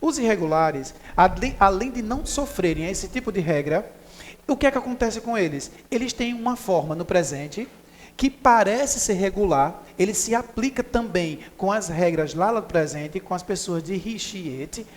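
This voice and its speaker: A man's voice: high voice, lively intonation, moderate pace. Man, English teacher, methodical explainer, reverberant room. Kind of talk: recorded online class lesson. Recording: echoey room.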